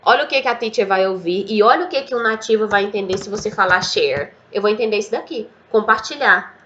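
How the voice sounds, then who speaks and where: A woman with a Brazilian Portuguese accent teaching an English lesson in a casual, lively way, slowly repeating words for learners. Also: medium pitch, dull audio.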